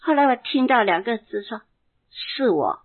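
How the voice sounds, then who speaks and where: A woman pastor giving an earnest, emotional personal testimony in a sermon, reading scripture slowly and deliberately. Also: fairly high pitch. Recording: tinny phone-like sound.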